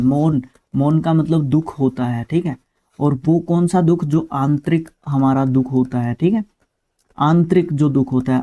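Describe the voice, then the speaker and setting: A middle-aged man with an Indian English accent teaching vocabulary in Hindi, repeating each word and checking in with "theek hai.". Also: mid-range voice. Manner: steady explaining tone, repeats each word several times with frequent "theek hai". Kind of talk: online vocabulary lesson.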